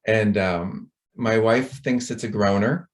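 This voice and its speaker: A man's voice: on the low side, slow. A middle-aged man giving a chatty, rambling talk to a conference over a video call, with a self-deprecating manner. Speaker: conference speaker.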